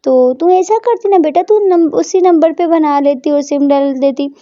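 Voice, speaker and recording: A woman's voice: sits high, measured pace, warm tone, no room sound, lo-fi sound, voice pushed up. A woman voicing a caring, talkative father who questions his daughter eagerly and scolds her lightly. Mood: concerned.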